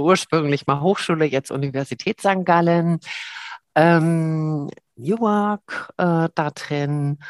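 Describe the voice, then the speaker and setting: Dry-sounding woman, halting and thoughtful. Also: sits low, no room sound. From Germany. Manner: thoughtful, many fillers and restarts. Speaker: podcast guest, leadership academic. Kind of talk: casual podcast interview.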